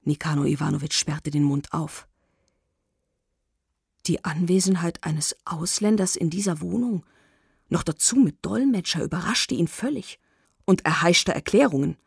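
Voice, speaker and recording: A woman reading a novel aloud in measured, expressive scripted narration. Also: fairly low pitch, creaky, breathy edge, dry recording, clean studio sound. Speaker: audiobook reader.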